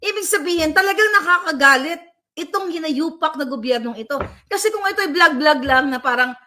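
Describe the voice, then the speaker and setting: Bright-voiced, fiery woman live-streaming. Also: high voice, expressive, a little fast. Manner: fiery, switches between Tagalog and English, reads viewer comments aloud. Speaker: political vlogger. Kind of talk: live-stream chat with viewers. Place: abroad, at home.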